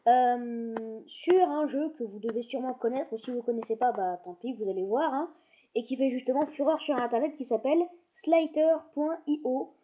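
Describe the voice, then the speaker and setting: A woman's voice: on the high side, brisk. A woman giving casual gameplay commentary, rambling and often cutting herself off mid-sentence. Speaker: gaming video host. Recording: tinny phone-like lo-fi recording.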